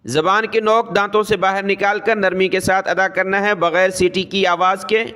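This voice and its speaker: A man teaching Quran letter pronunciation step by step in Urdu, explaining mouth positions and slowly drawing out each letter. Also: high voice, flat delivery, sharp tone, clear, resonant tone.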